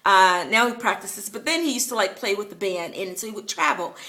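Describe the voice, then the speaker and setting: A woman's voice: mid-range voice, expressive, fairly quick, pushed and bright. A woman chatting to camera about her early days living abroad, storytelling casually with lots of fillers and the odd laugh. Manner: chatty, many fillers, laughs while telling. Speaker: vlogger.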